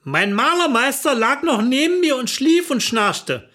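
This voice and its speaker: A woman's voice: high voice, sing-song, measured pace, a bit bright. A woman narrating a comic personal story in a chatty, wry manner.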